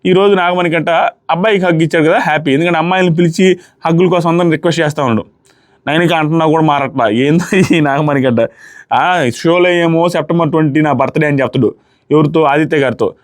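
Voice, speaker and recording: A man talks through a reality show episode in a casual, excitable way, and his voice sits fairly high. He speaks fast and keeps the energy up. The sound is dry and close, with no room around it. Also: no echo. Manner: excitable, quotes contestants in lowered voices. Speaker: show reviewer. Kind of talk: casual spoken episode review.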